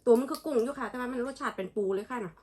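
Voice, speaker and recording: A woman's voice: sits high, racing, a little mellow, husky. A woman with an Isan Thai accent chatting casually to viewers in a food vlog, often using polite, familiar particles. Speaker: food vlogger.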